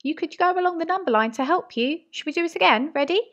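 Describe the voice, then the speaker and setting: A woman teaching a maths lesson to young children, talking slowly and encouragingly in a sing-song way. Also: extremely high pitch, lively intonation, fairly bright tone, highs cut off. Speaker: reception teacher.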